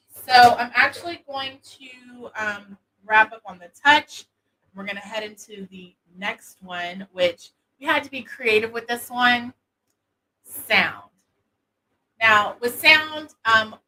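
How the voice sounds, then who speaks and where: A woman hosting a casual product demo, talking in a soft, sultry voice with many fillers. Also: on the high side, low-quality recording. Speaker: host of an intimacy product show.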